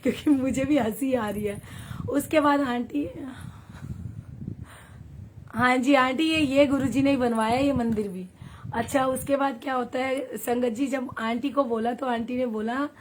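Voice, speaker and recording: Hosting a devotional satsang livestream, a Haryana woman with a slightly high voice chats easily, shifting between a story and viewer comments she reads aloud. She is warm, laughs a lot, and keeps a fairly even, measured delivery, with a faint phone-stream hiss underneath.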